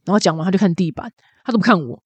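A woman's voice: fairly low pitch, racing, slightly rough, dry recording. A young adult woman host, chatting casually with gossipy, emphatic asides.

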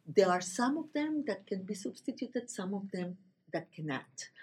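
Husky Latin American woman speaking halting English. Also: medium pitch, darkish tone, rough recording. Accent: Latin American Spanish. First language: Spanish. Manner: non-native English, halting, searching for words. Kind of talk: spoken discussion.

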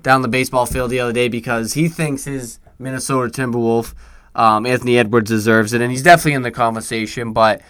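A young man with a mid-pitched voice talks through his award picks in an easygoing way. The recording is close and dry, with no room sound. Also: level tone, fast, a bit bright, clear, resonant tone, no echo. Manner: agreeable, many "you know what I mean". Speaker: podcast co-host. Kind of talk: casual sports chat.

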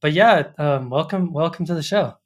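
A Colorado man hosts a photography podcast, conducting a casual interview in a chatty style full of fillers and restarts. His voice is slightly high, at a moderate pace.

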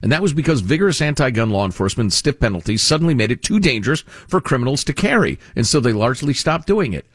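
Sarcastic, animated talk show host, a man. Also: medium pitch, fast, few pauses, no room sound, studio quality. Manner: sarcastic and animated, with frequent restarts. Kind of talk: opinionated talk radio commentary.

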